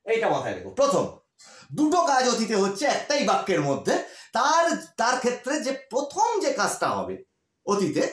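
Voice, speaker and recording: A man's voice: high-pitched, huge pitch swings, brisk, a bit bright, reverberant. A man teaching an English grammar lesson who explains step by step, asks questions and answers them himself, and keeps checking in with students. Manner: checks in often with short confirming questions.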